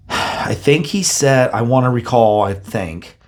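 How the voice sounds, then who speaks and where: A man's voice: medium pitch, lively intonation, slow. A man co-hosting a podcast in casual chat, laid-back, swearing casually and rambling through explanations. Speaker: podcast co-host.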